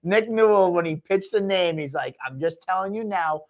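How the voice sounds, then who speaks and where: A man's voice: high-pitched, expressive, normal speed. A man co-hosting a fight-promotion podcast, talking casually and rambling through fighter background stories, often laughing.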